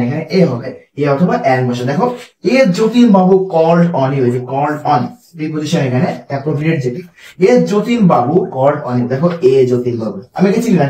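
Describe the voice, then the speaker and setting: A young man tutoring for an exam at a brisk, rushed pace, his voice sitting a bit high for a man. He asks questions and answers them himself, and slows right down to spell out each example. The sound is roomy and echoey, and he is a little far from the mic. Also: dark tone. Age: young adult. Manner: explains step by step, asks and answers his own questions, reads examples slowly. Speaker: English grammar teacher. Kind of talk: online exam-prep lesson.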